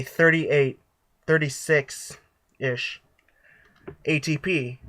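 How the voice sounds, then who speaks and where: A man's voice: fairly high pitch, fairly bright tone, no room sound. Offhand young male narrator, dry sound. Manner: offhand, rambling, with fillers. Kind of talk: casual skit narration.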